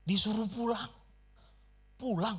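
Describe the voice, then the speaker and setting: A middle-aged male pastor, telling a story in his sermon and acting out the dialogue with big swings in loudness. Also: high voice, slow pace, breathy edge.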